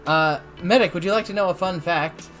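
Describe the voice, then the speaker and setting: A man's voice: sits high, a little fast, fairly bright tone. A man streaming a video game live, chatting in a loose, playful way and swearing often while he drinks. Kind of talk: casual live gameplay commentary. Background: game music.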